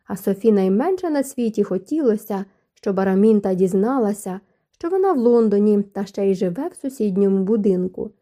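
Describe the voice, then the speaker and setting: A woman narrating an audiobook in an even storytelling manner. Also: mid-range voice. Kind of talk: scripted narration.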